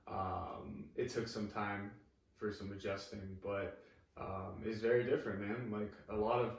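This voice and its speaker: A man in his twenties chatting casually as a podcast guest, relaxed and swearing freely. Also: lowish voice, very echoey, distant mic, rough recording. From Saudi Arabia. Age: 20s. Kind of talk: casual chat.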